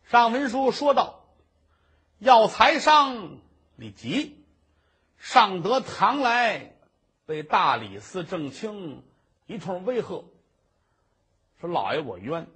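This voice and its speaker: A male storyteller performs a traditional tale in a dramatic, sweeping manner. His husky, bright voice rises and falls widely, and he takes his time. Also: high-pitched, sing-song, slow, long pauses. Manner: dramatic, sweeping delivery with sound effects.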